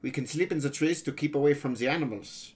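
Male reader doing a practical boy pirate taking charge; calm, earnest, a touch brighter than the narration. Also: fairly high pitch, fast, voice pushed up, close to an everyday voice. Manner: earnest, matter-of-fact planning.

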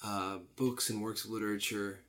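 A man's voice: fairly low pitch, fairly even intonation, moderate pace, a bit bright. A man in casual conversation, speaking earnestly and laughing often. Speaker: podcast guest. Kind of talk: casual chat.

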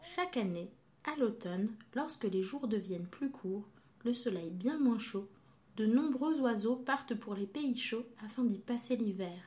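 Female storyteller, gentle, fairly high voice, child audience. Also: expressive, a little slow.

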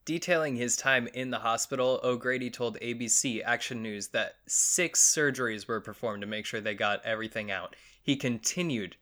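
A man's voice: medium pitch, moderate pace, hardly any pauses, bright, forceful tone. A man hosting a podcast alone, rambling crudely through odd news stories with mock outrage. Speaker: podcast host. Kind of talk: solo comedic podcast monologue.

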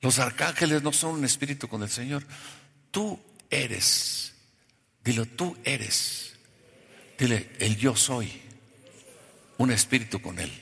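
A man preaching a sermon in a church. He asks the congregation questions, has them call back the answers, and swings from soft to loud. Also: mid-range voice, normal speed, gravelly, slightly rough. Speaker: pastor. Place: church hall. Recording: long reverb of a large hall.

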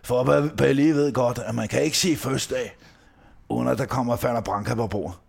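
A man's voice: mid-range voice, creaky, breathy edge. A man telling comic stories in a slangy, profane way, with casual asides, as a podcast co-host. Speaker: podcast co-host reading a satirical diary.

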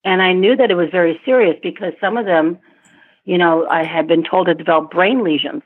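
A middle-aged woman talks through an interview, pausing and restarting as she gathers her thoughts. Her voice is a little husky, and it comes through a narrow, tinny phone line. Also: on the low side. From born in Vietnam, raised in Asia and Africa. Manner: thoughtful, with frequent restarts and light laughs. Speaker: interview guest.

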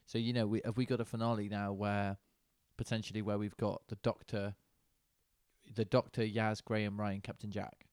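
Male co-host, lowish, dry sound, ponders aloud with restarts. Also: level tone, normal speed, a little mellow, clear, resonant tone, dry recording. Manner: thinks aloud with restarts, poses questions. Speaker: podcast co-host. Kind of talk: casual chat.

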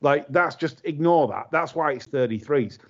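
A man hosting a casual podcast chat, talking in animated, exasperated bursts. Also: a little high, normal speed. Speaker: podcast host. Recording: slightly muffled audio.

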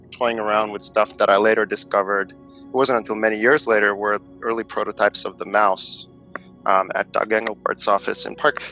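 Middle-aged Finnish-born male investor guest, low bright voice, hesitant and reflective, faint music underneath. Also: rough recording. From Finland. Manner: thoughtful, many fillers and restarts. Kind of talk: conversational interview answers.

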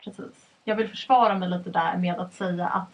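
A woman's voice: fairly low pitch, steady tone. A young woman from Stockholm, co-hosting a podcast in a chatty, casual way, asking the questions with plenty of fillers. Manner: chatty, fillers like "liksom" and "så här", drives the questions. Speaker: podcast co-host. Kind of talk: casual chat. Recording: dull lo-fi with faint background noise.

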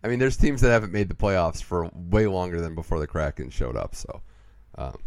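A man hosting a hockey podcast, giving lively, opinionated takes in casual chat. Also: low voice, brisk, no echo.

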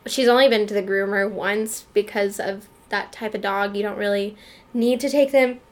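A woman's voice: mid-range voice, fairly even intonation, moderate pace. A young woman chatting casually as co-host, talkative and laughing often. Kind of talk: casual chat.

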